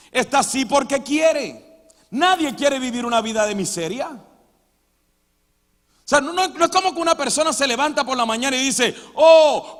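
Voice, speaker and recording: A male pastor preaching a sermon, emphatic, moving between loud stresses and quiet passages. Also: very high-pitched. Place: church hall. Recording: church hall reverb.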